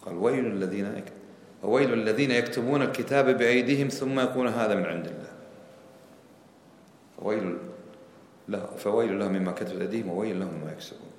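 Man, religious teacher, fairly low voice, explanatory, rhetorical questions, echoey hall with a long tail, faint ambience. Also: quick pace, pauses often, slight background noise. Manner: counts points off one by one. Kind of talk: religious lesson.

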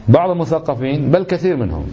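A man's voice: on the high side, very animated, fast talker, a little hiss or hum. A man giving a religious lesson, emphatic and indignant, firing off rhetorical questions. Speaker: religious teacher. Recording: slightly dull lo-fi recording.

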